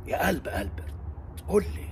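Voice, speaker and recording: A man's voice: fast talker, natural voice. A man playing a teasing, self-assured old male genius in a story he tells his students.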